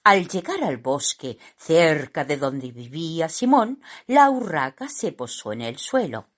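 A woman narrating a children's storybook in an expressive, unhurried manner. Her voice sits fairly low for a woman, yet rises and falls with plenty of color. She reads slowly and carefully, letting each phrase land. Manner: expressive, unhurried reading aloud.

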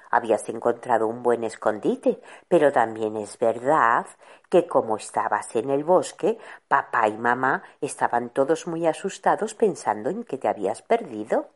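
A woman presenting a children's show, calmly and gently correcting a child. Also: a bass voice.

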